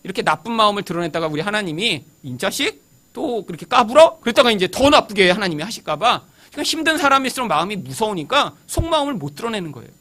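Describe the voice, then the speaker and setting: A high, bright-voiced man preaching a sermon as a pastor. He keeps asking the congregation questions and acts out the words of prayers, his pitch swinging widely. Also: sing-song, rapid-fire, hardly any pauses.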